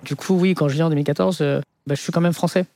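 A man in his thirties with a French accent, telling his life story in a thoughtful, unscripted way with many pauses and fillers. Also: a little high, steady tone, creaky, a little mellow, no echo, studio quality. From France. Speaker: interviewee.

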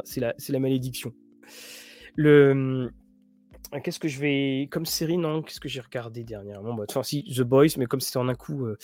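A man hosting a casual show about role-playing games and series, rambling with many restarts and fillers. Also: medium pitch. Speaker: tabletop RPG and series show host. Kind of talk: casual chat to viewers.

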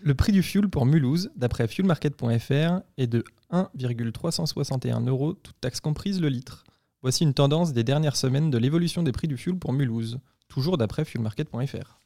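A man playing a polite AI voice assistant, speaking in a formal, measured, half-robotic way. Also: medium pitch, creaky, dark tone, natural voice. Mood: formal helpful. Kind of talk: role-play on a podcast.

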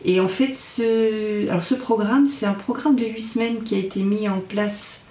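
In a reverberant room, a woman talks at some distance from the microphone. Her voice sits at a middle pitch. She explains reflectively and haltingly as an interviewed instructor, often searching for the right words. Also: steady tone, warm tone. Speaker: mindfulness instructor and guest.

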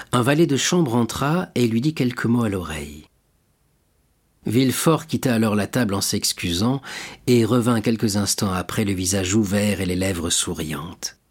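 Husky man reading a classic novel. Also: mid-range voice. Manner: measured, steady reading. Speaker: audiobook reader. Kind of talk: literary audiobook narration.

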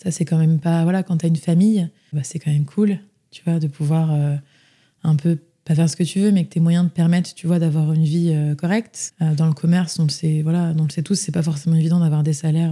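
A woman's voice: low voice, fairly even intonation, fairly quick, warm tone. A young woman from France telling her personal story as an interview guest, chatty, with many fillers and restarts. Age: young adult.

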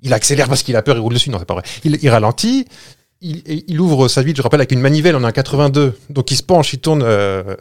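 A man tells a roadside ghost story in an easygoing, jokey way, with many little hesitations. His pitch rises and falls freely as he talks. The sound is dry and close, with hardly any room around it. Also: animated, quick pace, darkish tone, dry recording. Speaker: podcast storyteller. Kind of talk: casual storytelling chat.

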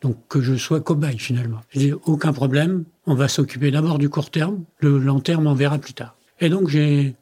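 A man's voice: fairly high pitch, steady tone, normal speed, hardly any pauses, mellow, husky. An older man, a company president interviewed as a guest, tells personal stories in conversation and acts out the dialogue he quotes.

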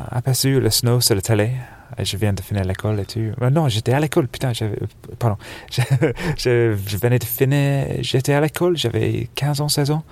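A man in his forties from England, speaking with an English accent, chatting casually as a podcast guest, relaxed, with lots of fillers. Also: fairly low pitch, no echo. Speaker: snowboard shop buyer, podcast guest. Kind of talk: casual interview chat. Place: dark corner of a trade fair hall, on a sofa.

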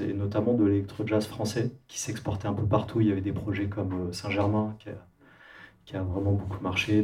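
A man from France speaks in a relaxed, hesitant interview manner, often pausing and restarting his sentences. His voice is mellow and somewhat low. He sounds a little distant from the microphone. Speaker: interviewed musician and producer.

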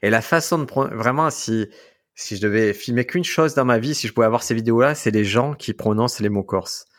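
A man's voice: mid-range voice, brisk. A man hosting a comedy podcast, chatting casually and spinning playful theories, often restarting his sentences. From lives in Marseille. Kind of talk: casual chat.

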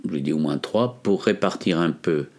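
In an interview, a man in his sixties who works as a defence lawyer gives an account of his experiences, speaking with a metropolitan French accent; he comes from the Ardennes in France. His voice is low and darkish, and he proceeds deliberately and hesitantly, often pausing at length.

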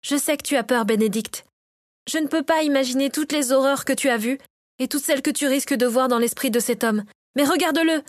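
Woman reading brisk nurse figure, raised pitch, dry close voice, urgent and firm. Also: no room sound, natural voice. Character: former war nurse, brisk and determined woman.

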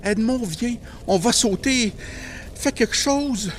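A frantic young schoolboy, played by a man, shrill and pleading in a storybook recording. He sounds high and loud, straining to be heard. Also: slow pace, a little hiss or hum. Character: panicked schoolboy, the narrator as a child.

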